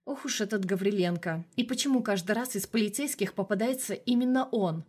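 A woman reads an audiobook chapter in a steady, measured voice. Her pitch sits mid-range and her delivery is even. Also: husky. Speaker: audiobook narrator. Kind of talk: scripted narration.

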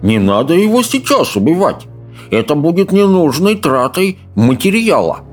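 A man reading an audiobook, voicing a fat, greedy, pompous male consul who talks in a slow, smug, chomping drawl. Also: a little high, sing-song, soft background music, pitched above the performer's own voice.

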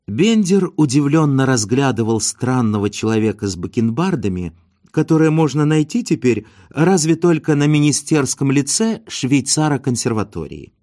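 A man reading an audiobook aloud in an expressive storytelling style. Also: medium pitch, normal speed, no room sound, clean studio sound. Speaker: audiobook reader. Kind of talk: audiobook narration.

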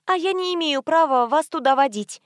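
A chatty young nurse lifts her voice high and sweet, eager to please, played by a woman narrating a storybook. The sound is dry and close. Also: expressive, brisk, dry recording.

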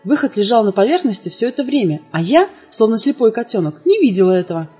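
A woman's voice: a little high, big pitch swings, fast, mellow, slightly rough. A woman reading a first-person audiobook in an emotional, dramatic way. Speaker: audiobook narrator. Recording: dull lo-fi sound with faint music.

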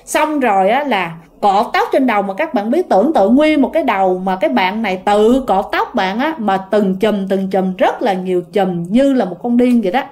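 A woman's voice: mid-range voice, moderate pace, few pauses. A woman telling a ghost story casually, talking directly to her listeners. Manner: animated, addresses listeners directly.

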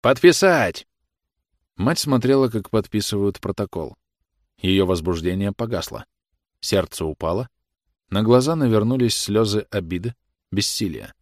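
A man narrating a classic novel in a measured, grave manner. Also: on the low side, a little mellow, no room sound, clean studio sound. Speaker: audiobook narrator. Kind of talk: literary audiobook narration.

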